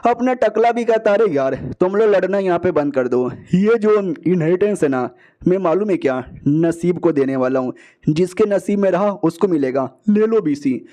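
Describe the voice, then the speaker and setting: A man casually retelling a comic story in a jokey, slangy way, switching quickly between the characters' lines. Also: high voice, expressive, warm tone. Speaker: manhua recap narrator.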